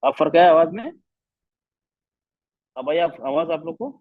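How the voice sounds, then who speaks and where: A man's voice: a little high, animated, a little slow, dry recording, phone-quality sound. A man teaching a Quran recitation class online, patiently repeating letter sounds to demonstrate them.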